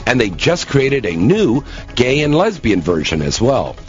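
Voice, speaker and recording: A man reading a scripted ad in a salesy infomercial style, as an announcer pitching a product. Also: sing-song. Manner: salesy pitch, spells out web address slowly. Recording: dull lo-fi audio with faint music bed.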